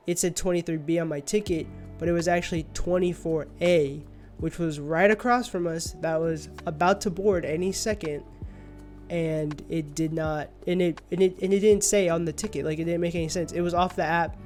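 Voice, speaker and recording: Young male streamer, sleepy and rambling, higher-pitched, soft music in background. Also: steady tone, normal speed. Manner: rambling, drowsy, trailing off. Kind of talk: casual livestream chat. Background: faint music.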